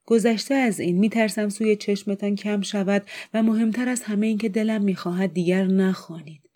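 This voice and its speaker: A woman's voice: mid-range voice, fairly even intonation, natural voice. Woman voicing a bullying drunken masked man. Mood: scornful. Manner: loud, scornful and bossy.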